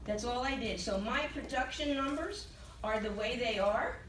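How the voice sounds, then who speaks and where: A woman's voice: on the high side, normal speed, a bit bright, slight background noise. An older woman telling her own story to a training audience, candid and emotional, often laughing as she recalls things. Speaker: speaker at a sales training event. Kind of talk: personal testimony to an audience. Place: large meeting room with an audience. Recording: echoey hall, mic from far off.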